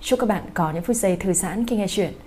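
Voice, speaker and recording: A woman hosting a night radio story channel, reading a novel aloud in a gentle, soft manner. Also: mid-range voice, fairly quick. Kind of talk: scripted story narration.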